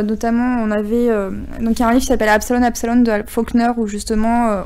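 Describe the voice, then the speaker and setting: A woman's voice: a little high, dark tone. A woman with a French accent co-hosting a book podcast, chatty and self-mocking, with frequent hesitations. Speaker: podcast co-host. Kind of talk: casual book podcast chat.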